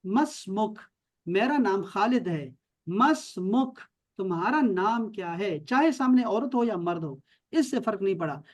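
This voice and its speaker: A man's voice: sits high, lively intonation. A man from Pakistan teaching Arabic in an online class, explaining patiently, repeating words and checking that his students follow.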